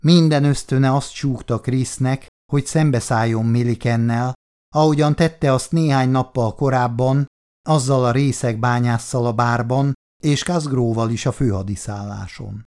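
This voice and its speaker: A man narrating an audiobook in a steady, measured reading voice. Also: medium pitch, smooth. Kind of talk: scripted narration.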